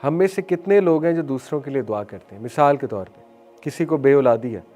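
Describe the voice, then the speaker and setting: A man giving an earnest motivational religious talk, mixing English phrases into his speech and slowing down to recite phrases. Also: mid-range voice, warm tone, faint music behind. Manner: earnest, mixes English phrases into Hindi-Urdu, slows to recite phrases. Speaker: Islamic speaker.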